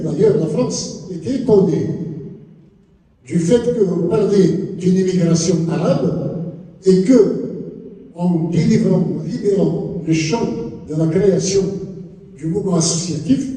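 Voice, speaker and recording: An older man from Kabylie in Algeria, giving a halting, deliberate conference talk that repeats words. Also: sits high, dark tone. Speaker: conference panelist. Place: large town hall conference room. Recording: echoey hall from far off.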